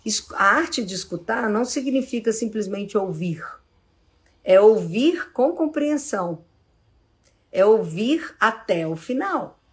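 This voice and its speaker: A middle-aged psychologist with a Brazilian accent takes audience questions in a casual live Q&A. Her mid-range voice is calm and slow as she explains, acting out brief examples of how to phrase things.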